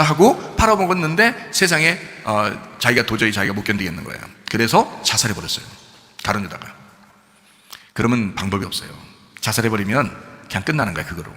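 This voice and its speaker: Animated male pastor preaching in a hall. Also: mid-range voice. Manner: animated storytelling, switching between plain speech and polite address. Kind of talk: sermon. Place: church sanctuary.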